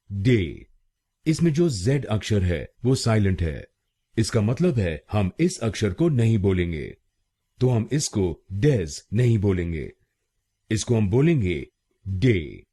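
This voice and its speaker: Slow, husky man teaching pronunciation. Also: fairly low pitch, warm tone. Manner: spells out and repeats each syllable. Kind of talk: scripted pronunciation lesson.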